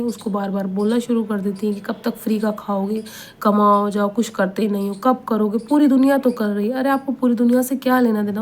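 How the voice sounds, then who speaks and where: A woman's voice: fairly high pitch, darkish tone. A woman giving an Islamic motivational advice talk, earnest and repetitive, pleading with listeners and often checking they agree. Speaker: advice speaker.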